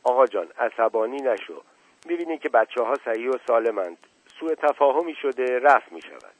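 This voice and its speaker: A man's voice: mid-range voice, lively intonation, no echo, close to an everyday voice. A man voicing an anxious wife who pleads and soothes in an audiobook, recorded with a tinny sound. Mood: pleading. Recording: tinny, dry, phone-like sound.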